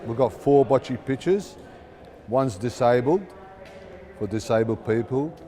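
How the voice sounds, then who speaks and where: Mid-pitched man explaining things informally. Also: takes it slowly, dark tone. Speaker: club representative.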